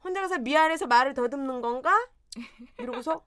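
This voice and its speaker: A woman in her forties telling a story in casual chat, animated and bursting into loud quoted lines. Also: high-pitched, brisk. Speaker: storyteller guest.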